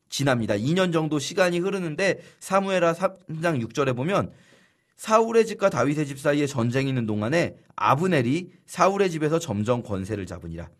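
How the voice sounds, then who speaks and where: A man teaching a Bible study lesson in a lively storytelling way, acting out the figures' lines. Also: mid-range voice.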